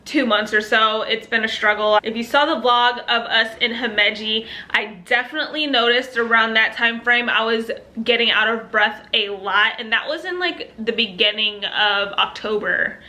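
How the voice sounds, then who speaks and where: A young woman chats to her camera in a casual, upbeat vlog. Her voice sits a bit high and rings bright and forceful, and she laughs lightly between thoughts. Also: normal speed, few pauses. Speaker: vlogger.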